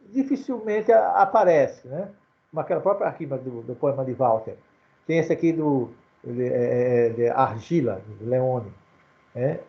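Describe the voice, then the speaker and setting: A man giving an informal lecture on poetry and reading poems aloud, often restarting his sentences with filler sounds. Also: medium pitch. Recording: dull lo-fi recording.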